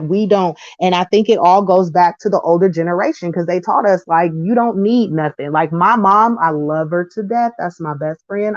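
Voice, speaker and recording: A woman in her thirties giving a blunt, slangy opinion monologue to camera, animated and quick to slip into mocking voices. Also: medium pitch, dry recording, highs cut off. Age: 30s. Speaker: vlogger.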